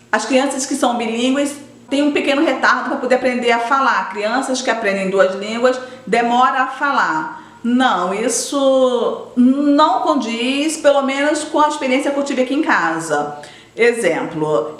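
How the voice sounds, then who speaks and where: A middle-aged woman with a Brazilian Portuguese accent talks straight to her viewers in a loose, chatty way, often breaking off and restarting. Her voice sits fairly high, and the recording carries a noticeable roomy echo. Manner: chatty, addresses viewers directly, frequent restarts. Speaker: vlogger and educator. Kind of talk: casual chat to viewers.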